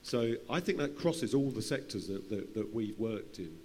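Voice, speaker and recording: Here a man's lowish, expressive voice, darkish in tone and at normal speed, carries an unscripted panel discussion at a conference session in a large room. He keeps repeating and restarting his phrases, and the audio has hall reverb with faint hum and noise.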